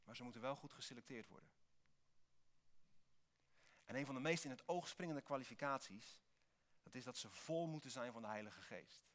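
Male pastor, mid-pitched, earnest sermon delivery with emphatic peaks. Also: normal speed, long pauses. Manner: earnest, with sudden lively emphasis.

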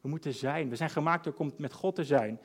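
Male pastor, 30s, sermon; earnest, hushed at times, then urging. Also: fairly high pitch, fairly quick, breathy edge. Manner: earnest, shifts between hushed intimacy and emphatic urging.

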